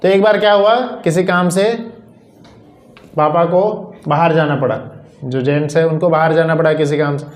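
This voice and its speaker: Male preacher, storytelling sermon, fairly high voice, echoing room. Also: fairly even intonation, moderate pace. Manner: narrative, repeats phrases for emphasis. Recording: roomy echo.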